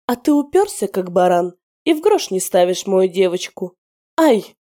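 A woman voicing a scheming, spiteful middle-aged female werewolf with a sneering, taunting manner that turns shrill under pressure, in a storybook reading. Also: big pitch swings, moderate pace, warm tone, lightly acted. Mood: scornful.

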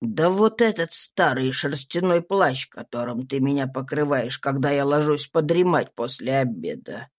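A woman reading an audiobook voices a mild middle-aged husband, speaking low, slow and hesitant. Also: expressive. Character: mild middle-aged male household head.

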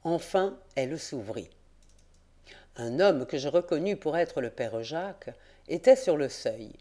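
Female audiobook narrator, measured literary storytelling, slightly low voice. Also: lively intonation, mellow.

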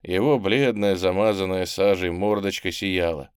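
A man narrating an audiobook in an expressive storytelling way. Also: deep voice, moderate pace, clear, resonant tone, no echo, studio quality.

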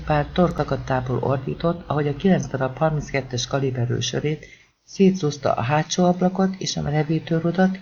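Gravelly guy reading a thriller audiobook, kinda high voice, dull lo-fi sound. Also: slight background noise. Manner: tense, acts out shouted lines of the characters. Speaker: audiobook narrator. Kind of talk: dramatic audiobook narration.

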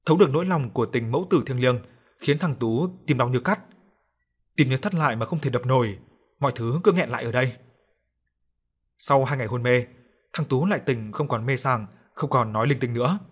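A man narrating an audio ghost story in a steady, measured way and closing as the channel host. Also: mid-range voice, husky. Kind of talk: scripted narration. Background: faint music.

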